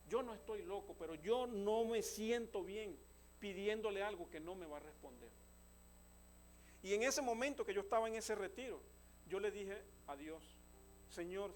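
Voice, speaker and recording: Earnest high-voiced preacher man. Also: slight background noise. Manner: earnest, addresses listeners as beloved brother. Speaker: church brother giving a testimony. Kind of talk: sermon testimony.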